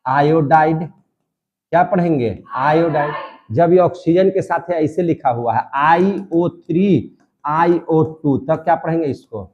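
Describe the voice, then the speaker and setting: A man's voice: on the high side, a little slow, muffled recording. A male chemistry teacher lecturing a classroom, repeating each question and drilling the answer emphatically.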